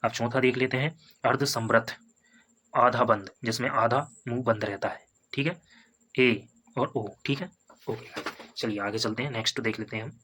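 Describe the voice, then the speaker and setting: A man teaching a Hindi grammar lesson for exam preparation. He repeats each point, sounds out vowels slowly as examples, and keeps checking in with "है ना" and "ठीक है". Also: medium pitch, fairly even intonation, pushed and bright, slight background noise. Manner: repetitive, explains step by step with tags like "है ना" and "ठीक है".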